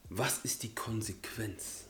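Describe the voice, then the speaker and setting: Emphatic low-voiced man on motivation. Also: slow pace, fairly bright tone. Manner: emphatic, repeats phrases, often murmurs agreement. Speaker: podcast co-host. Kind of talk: casual motivational chat.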